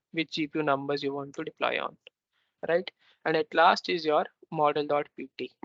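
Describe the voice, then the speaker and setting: A man leads a technical workshop over a video call, walking through each step and tagging his points with a questioning "right?". His voice sits a little high. The call audio is slightly dull and dry, with no room echo. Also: pushed and bright. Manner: explains step by step, often ends with a questioning "right?". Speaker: workshop instructor. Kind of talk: technical tutorial walkthrough. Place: remote meeting.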